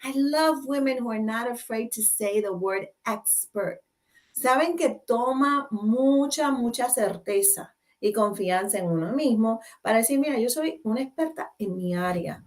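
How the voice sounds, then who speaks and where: Woman, talk show host, slightly high voice, playful, emphatic, bilingual chat, a bit off-mic. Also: measured pace, far from the mic. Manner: switches between Spanish and English, playful and emphatic.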